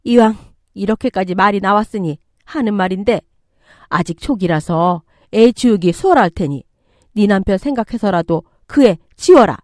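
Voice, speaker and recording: Scornful, scolding older mother-in-law, loud and raised in pitch, swinging hard between words, as a female story reader puts her on; dry close sound. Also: expressive, normal speed, dry recording, close to an everyday voice. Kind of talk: storytelling radio reading.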